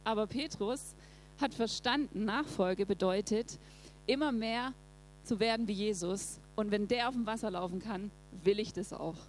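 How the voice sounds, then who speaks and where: A woman giving a lively Bible devotional talk, laughing often and acting out the quotes as she reads and retells. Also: mid-range voice, normal speed, poor audio. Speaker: preacher. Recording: faint mains hum.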